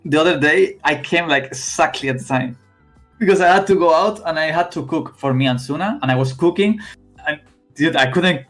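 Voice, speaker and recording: A young man from Spain with a thick Spanish accent, a guest in a casual interview, talking haltingly with many restarts and fillers. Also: on the high side, fairly bright tone, faint music behind. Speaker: esports player guest.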